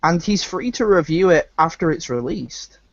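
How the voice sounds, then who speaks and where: A man's voice: a little high, lively intonation, moderate pace, dry recording, highs cut off. A man hosting a podcast in loose, casual chat, swearing freely now and then. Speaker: podcast host.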